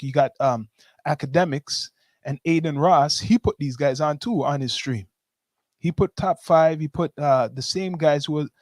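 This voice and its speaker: Higher-voiced Toronto man explaining things casually. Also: a little mellow, no echo. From Toronto, Canada. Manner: explanatory, repeats and checks with "right?". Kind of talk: casual discussion.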